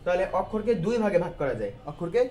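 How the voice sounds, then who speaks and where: Racing and very animated, a male teacher with a high, dark-toned voice explains grammar to students step by step, asking and then answering his own questions in a colloquial way that mixes in English words. A little hiss or hum runs under the recording.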